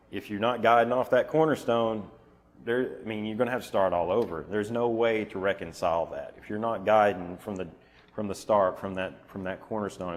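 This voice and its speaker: A man preaching an informal sermon in a church, talking in halting bursts full of restarts and fillers. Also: low voice.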